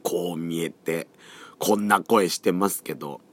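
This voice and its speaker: Man, around forty, hoarse with a cold, deep voice, chatty solo podcast talk, trailing off quietly, close mic. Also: unhurried. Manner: rambling and chatty, voice often drops low and trails off. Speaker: podcast host. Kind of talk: casual solo podcast chat.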